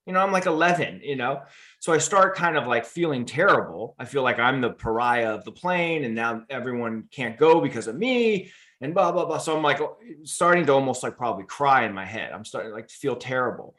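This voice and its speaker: Brief: young adult man, podcast co-host, animated casual anecdote, average pitch. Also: a little fast. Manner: lively, animated storyteller. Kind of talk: casual storytelling.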